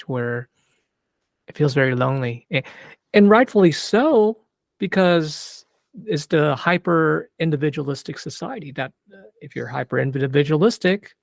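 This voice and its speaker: Male host, conversational and agreeable; slight vocal fry, dry sound. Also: medium pitch, no room sound. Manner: conversational, agreeing and building on the guest's points. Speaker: podcast host. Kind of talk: podcast interview.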